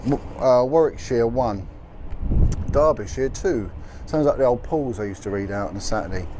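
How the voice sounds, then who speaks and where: This man hosts a livestream from a boat in strong wind. He rambles through lists of numbers with frequent ums, and his medium-pitched voice sits over loud wind and engine noise. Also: lively intonation, normal speed. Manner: rambling, reads out figures with many ums. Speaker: livestream host. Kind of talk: casual livestream talk.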